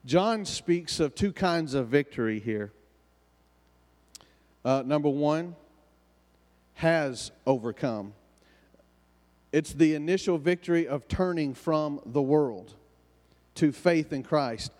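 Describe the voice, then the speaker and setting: A man's voice: on the high side, expressive, slow pace, pauses often, darkish tone. A man with a Southern US hillbilly accent preaching a sermon with emphatic repetition and rhetorical questions. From southern United States. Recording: reverberant hall.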